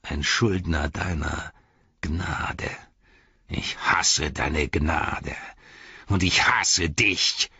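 A man's voice: a bass voice, sharp tone, slightly rough, no room sound, full character voice. A man voicing a cruel, spiteful old wizard who sneers and mocks, in a dry, slightly dull recording. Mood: bitter. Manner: mocking, drawn-out, taunting.

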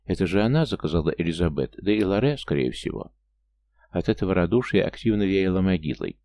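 A man's voice: sits low, expressive, fairly quick, warm tone. A man narrating a first-person story in a dry, wry manner. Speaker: audiobook narrator.

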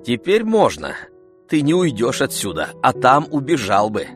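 A man reading an audiobook, voicing a playful, mischievous young woman in a raised, lively voice. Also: medium pitch, normal speed, faint music behind, pitched above the performer's own voice. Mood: teasing.

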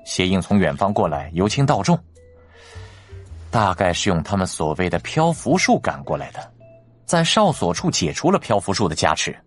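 A man voicing a sharp-eyed male intelligence officer in an audiobook, reasoning through clues step by step. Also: sits low, sing-song, moderate pace, faint music behind. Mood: analytical. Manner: analytical, explaining clues step by step. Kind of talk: audiobook character voice.

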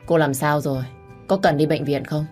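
A woman's voice: low-pitched, fairly even intonation, normal speed, a little mellow, soft background music, natural voice. A woman voicing a cold, detached young husband who speaks curtly, in a storybook reading. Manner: curt, detached.

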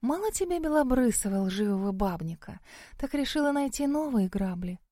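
A sharp-tongued female spirit who has lived for centuries, as a woman reader puts her on. She scolds and sneers in a raised, hushed voice. The reading sounds close and dry. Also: fairly high pitch, expressive, moderate pace, dry recording, natural voice. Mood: scolding. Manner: scolding, sarcastic, often hushed.

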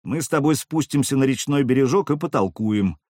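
A man voicing a cool-headed male knight who speaks quietly and with measured menace. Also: medium pitch, animated, no room sound, clean studio sound, voice pushed up, close to an everyday voice.

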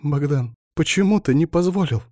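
A man voicing a frantic, tearful young woman who pleads and bosses others in a high, shrill voice. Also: animated, normal speed, a little mellow, no echo, studio quality, close to an everyday voice. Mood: urgent commanding. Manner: shrill, pleading, breaking into sobs. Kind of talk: audiobook character voice.

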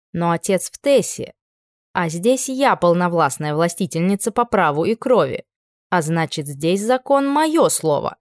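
A woman with a lowish voice reading a fantasy audiobook in the first person. Her reading is lively and expressive, and the recording is dry and close to the mic with no room echo. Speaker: audiobook narrator.

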